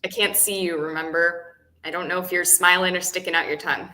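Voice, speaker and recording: A woman's voice: lowish voice, fairly even intonation, fairly quick. An actress playing a blind woman calling a help app, who makes dry, teasing jokes. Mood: wry. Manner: wry, teasing, gently joking. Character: blind woman caller, wry and warm-humored. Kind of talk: stage play performed over video call.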